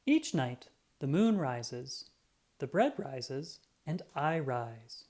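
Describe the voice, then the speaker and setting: Drawing out words in a mid-range voice, this narrator performs a picture book for children in the persona of a pompous feline detective. Delivery is dramatic and expressive, and sound effects get acted out along the way.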